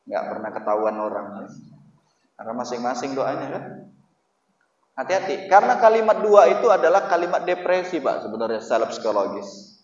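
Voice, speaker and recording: A man preaching an Islamic sermon, often putting questions to his listeners. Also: mid-range voice. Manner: lively, asks the audience questions often. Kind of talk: Islamic sermon to a male audience. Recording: echoey hall, distant mic, dull lo-fi sound.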